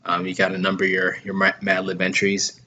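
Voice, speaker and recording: A man's voice: low voice, completely flat delivery, brisk, pushed and bright. A man giving a casual tutorial for writers, hesitant and full of ums, uhs and restarts, speaking while he has the hiccups. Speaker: app owner giving a tutorial. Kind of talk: screen-recorded tutorial.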